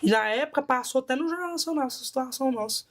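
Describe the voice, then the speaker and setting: A Brazilian woman with a Brazilian Portuguese accent gives a personal testimony as a bishop. Her voice sits a little high. She retells events vividly and dramatically. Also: racing, slight background noise.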